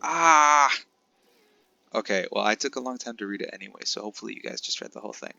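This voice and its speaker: A young man commentating on his own gameplay for viewers in a loose, chatty way. His voice sits on the low side yet sounds bright and forceful. He gets excited easily and keeps turning to talk to his audience. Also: rapid-fire, vocal fry, no room sound. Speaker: gaming commentator. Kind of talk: casual let's-play commentary.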